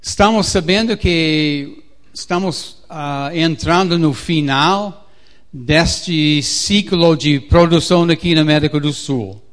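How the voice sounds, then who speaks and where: American guy, native english speaker, giving an economics talk, slow n halting, slightly high voice. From United States. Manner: halting, non-native phrasing, plain-spoken explaining. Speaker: agricultural economist, guest speaker. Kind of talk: public lecture on markets.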